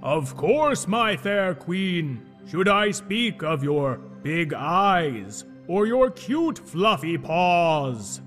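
A man voicing a flattering magic mirror in a deep, grandiose, drawn-out voice with an echo on it. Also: faint music behind, full character voice. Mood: fawning. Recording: long echo on the voice.

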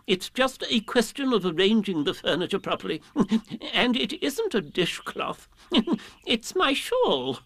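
A man's voice: high voice, sing-song, a little slow, a bit bright, no echo, pitched above the performer's own voice, full character voice. Owl, a pompous chuckling old owl voiced by a man. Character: fussy self-important old male owl.

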